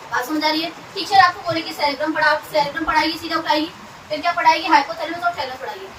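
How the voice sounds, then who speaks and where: A high-pitched woman teaches a classroom lesson, asking questions and drawing terms out slowly for students to repeat. She is heard from a distance in an echoey room with noticeable background noise. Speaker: science tutor. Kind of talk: classroom lesson with call-and-response drilling.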